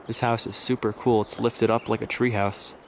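A young adult man vlogs an exploration of wooded roads and derelict buildings, casually narrating to a handheld camera. His voice is on the low side and fairly bright, with a flat delivery at normal speed, and the outdoor audio is noisy.

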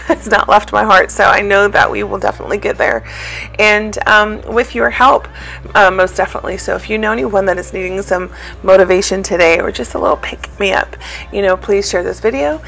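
A woman's voice: mid-range voice, creaky, sharp tone. A woman talking casually in a voice-over for her cleaning vlog, rambling with many fillers. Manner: chatty, rambling with many ums. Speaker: cleaning vlogger.

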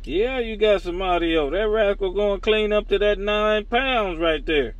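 High-voiced man in folksy CB chat. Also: measured pace, highs cut off, crowd noise. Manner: slangy, folksy, teasing banter. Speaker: CB radio operator. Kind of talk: casual CB radio chat.

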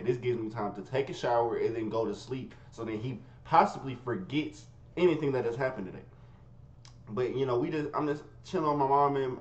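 A man telling a story in casual, profane street slang, swinging from low mutters to high yelps. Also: fairly bright tone. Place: his bedroom. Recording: roomy, dull lo-fi sound.

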